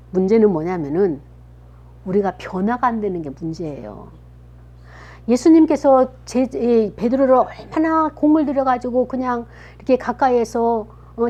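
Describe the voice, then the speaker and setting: A woman's voice: fairly high pitch, mellow, lo-fi sound. A woman pastor preaching a sermon, retelling scripture with dramatized quotes that rise to emphatic peaks.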